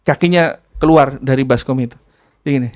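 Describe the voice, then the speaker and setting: A man practising ruqyah, retelling a healing session in a casual, animated way and acting out the scene. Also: medium pitch, fairly quick. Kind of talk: casual spoken storytelling.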